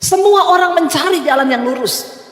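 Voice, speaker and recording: A woman's voice: very high voice, expressive, moderate pace. A woman pastor preaching a sermon, telling a personal testimony and acting out the dialogue as she goes. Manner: storytelling, acts out dialogue, addresses listeners as "Saudara". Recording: echoey hall with long reverb.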